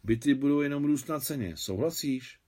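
A man reading the lines of a gentle, wealthy woman benefactor in a novel, softly and measuredly. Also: mid-range voice, animated, pitched above the performer's own voice, lightly acted. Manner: soft, measured.

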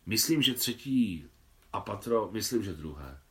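A man's voice: fairly low pitch, very animated. A man reading a novel aloud, voicing an imperious older woman who speaks bluntly and knowingly. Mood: commanding.

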